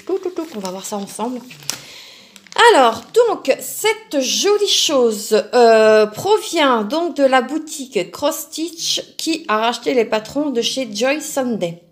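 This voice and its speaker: Woman with a slightly high voice unboxing craft stuff, chatty, thinks out loud, lots of ums. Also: animated, unhurried, few pauses. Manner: chatty and self-talking, musing aloud with many fillers. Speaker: crafting channel host. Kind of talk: casual unboxing chat.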